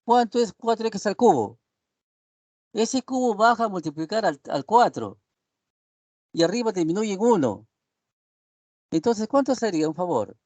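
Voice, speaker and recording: A man's voice: high voice, big pitch swings, normal speed, long pauses, darkish tone, dry recording. A male professor giving an online class on a video call, rambling and leaning on tag questions as he addresses his students. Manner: addresses students as "estimados alumnos". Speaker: university professor.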